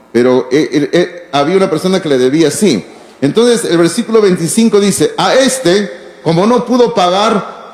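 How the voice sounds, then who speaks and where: Pastor guy preaching, high voice, stretches words out, asks the crowd questions, echoey church sound. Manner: emphatic, slows down to stress words, asks rhetorical questions. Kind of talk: sermon. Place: church hall. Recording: echoey hall.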